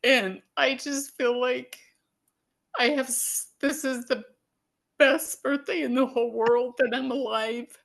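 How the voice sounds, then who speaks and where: A woman giving an emotional testimonial on a video call, halting and full of fillers, near tears. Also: high voice, steady tone, vocal fry.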